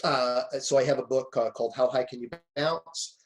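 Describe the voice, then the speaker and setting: A man of around sixty, a guest speaker and author, talking in a relaxed, reflective way and telling stories with frequent chuckles. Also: mid-range voice, moderate pace. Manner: reflective, storytelling, chuckles often. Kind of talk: relaxed conversational interview.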